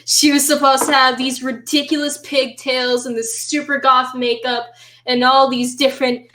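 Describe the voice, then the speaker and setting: A woman's voice: high-pitched, flat delivery, normal speed, background noise. A woman chatting casually and playfully as a guest. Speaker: horror host guest. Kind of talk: casual chat. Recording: roomy, echoing sound.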